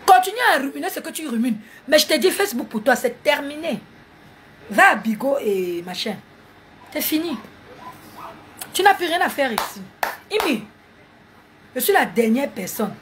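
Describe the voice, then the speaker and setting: A woman's voice: high-pitched, very animated, moderate pace, pauses often, a bit bright, slight background noise. A woman, mocking and scolding viewers in a heated live stream on her phone. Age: 40s.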